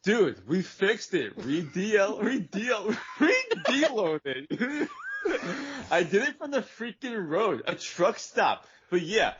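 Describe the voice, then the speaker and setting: A man's voice: high voice, very animated, slow pace, hardly any pauses, background noise. A man co-hosting a podcast in casual, profane, joking banter. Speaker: podcast co-host. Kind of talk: casual chat. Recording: slightly muffled podcast audio.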